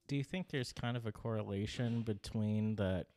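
Deep-ish guy host, chill questions, reads the intro. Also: normal speed, darkish tone. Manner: easygoing, conversational questions. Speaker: podcast host.

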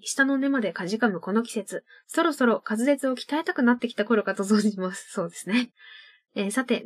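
A young woman hosting her own internet radio show, chatting casually and laughing at her own tongue-twister slips. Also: a little high. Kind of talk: casual solo radio talk.

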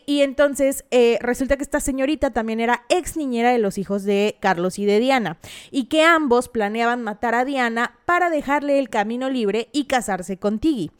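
A woman's voice: on the high side, clean tone. A young Mexican woman hosting a casual gossip podcast, telling the story in a dramatic, exclamatory and slangy way. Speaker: podcast host.

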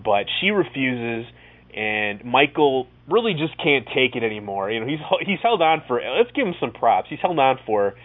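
A man chats as a podcast co-host in a loose, rambling style. His voice sits at a medium pitch. The sound is narrow and phone-like. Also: big pitch swings, moderate pace. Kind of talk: casual TV episode discussion. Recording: thin, phone-like audio.

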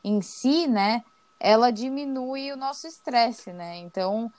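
Young woman, interview host, fairly high voice, dry recording. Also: measured pace, darkish tone, no echo. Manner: asks and repeats questions, short affirmations. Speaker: host, project coordinator. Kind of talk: hosting an interview.

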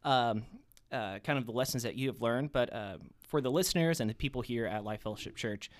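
A male podcast host leads a relaxed conversation at a middling pitch. He hesitates often and fills gaps with "uh", and his voice sounds dry and close with no room around it. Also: a little fast, no echo. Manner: hesitant, full of "uh" fillers.

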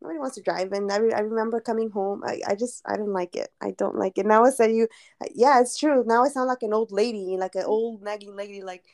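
A woman's voice: fairly high pitch, fast talker, a little mellow. A woman in her thirties co-hosting a podcast, chatting loosely and laughing often. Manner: laughs often, rambling restarts. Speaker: podcast co-host. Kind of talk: casual chat.

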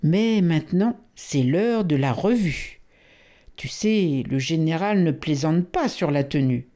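A woman's voice: low voice, animated, takes it slowly, mellow. A woman voicing an eager young male elephant calf in a storybook, earnest and admiring.

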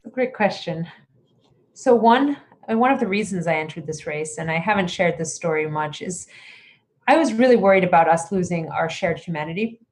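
A woman's voice: lowish voice, expressive, moderate pace. Earnest woman candidate full of fillers. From Greece. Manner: earnest, many fillers and restarts. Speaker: congressional candidate. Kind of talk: casual interview answers.

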